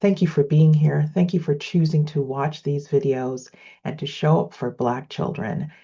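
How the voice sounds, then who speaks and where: A middle-aged woman from Trinidad, an educator telling a personal story in an earnest, measured way, slowing down on key phrases. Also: sits low, fairly even intonation, dark tone. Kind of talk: reflective personal storytelling lesson. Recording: slightly dull lo-fi recording.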